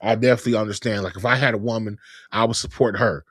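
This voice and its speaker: A middle-aged man, a comedian hosting a live talk show, talking in a relaxed, rambling way. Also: on the low side, fast talker, dry recording, clean studio sound. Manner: relaxed, rambling, lots of fillers. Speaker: podcast host, comedian. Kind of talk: casual chat.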